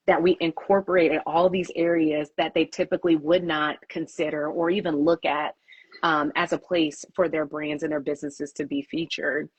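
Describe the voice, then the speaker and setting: A woman's voice: low-pitched, breathy edge, no room sound. A woman publicist answering interview questions, emphatic and repeating her key points.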